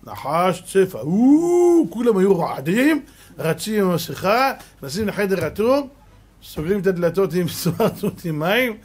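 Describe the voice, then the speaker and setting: Speaking high and slightly rough, a middle-aged rabbi preaches a sermon-style Torah lesson before a live crowd. His delivery is lively, packed with rhetorical questions, and shifts from loud outbursts to quiet, hushed moments.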